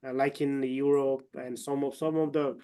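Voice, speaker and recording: A man from eastern Nepal, a trekking guide and company owner, speaks haltingly with many fillers and restarts over a video call. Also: mid-range voice, flat delivery, mellow, clear, resonant tone. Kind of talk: online webinar talk.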